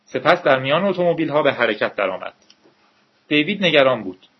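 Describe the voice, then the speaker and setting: An audiobook narrator with a husky, mid-pitched male voice reads a novel at a steady, measured pace. The recording sounds dull and lo-fi, its top end muffled.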